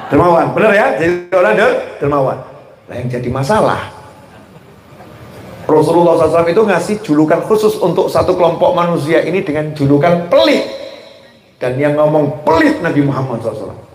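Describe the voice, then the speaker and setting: Lively, high-voiced male preacher. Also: quick pace, reverberant. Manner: animated, humorous, call-and-response with audience. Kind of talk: religious sermon.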